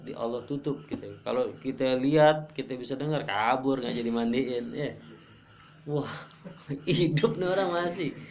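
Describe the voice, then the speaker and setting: Male preacher, gravelly, lively teasing delivery, some faint noise. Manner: animated, joking, pitch jumps for emphasis. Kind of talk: religious study sermon.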